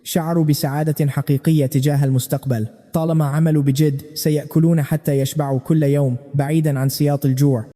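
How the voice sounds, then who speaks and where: Fast, dark-voiced man narrating a recap. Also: on the high side, level tone, big-room sound. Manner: brisk, storytelling.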